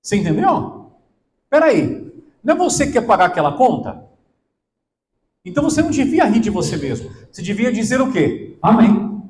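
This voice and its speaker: Pastor preaching with lively high voice. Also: male voice, brisk, pauses often, echoey room, a little hiss or hum, low-quality recording. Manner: emphatic, asks the congregation questions. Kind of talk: sermon. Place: church hall.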